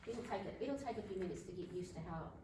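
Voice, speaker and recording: A woman informally explaining figures at a meeting as a staff member, in a halting, explanatory way. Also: mid-range voice, lively intonation, crowd noise. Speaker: county staff member presenting salary figures. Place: indoor meeting room, far from the mic. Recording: distant echoey room recording, clear background noise.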